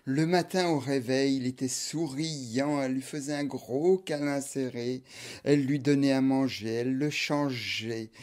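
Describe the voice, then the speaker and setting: A man telling a folk tale aloud, with rhythmic repetitions and sudden loud outbursts. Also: mid-range voice, steady tone, a little slow. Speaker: storyteller.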